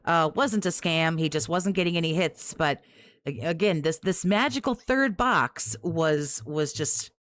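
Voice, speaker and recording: A woman with a raspy voice full of vocal fry, giving casual, sarcastic commentary as she mocks another stream. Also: deep voice, steady tone, a little slow, no room sound.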